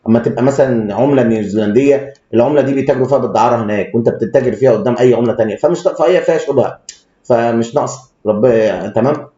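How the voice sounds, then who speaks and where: A man's voice: medium pitch, very fast, mellow. A man with an Egyptian Arabic accent giving blunt, crude stock market commentary and stumbling over frequent restarts. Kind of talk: rapid technical market commentary. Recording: echoey room, dull lo-fi sound.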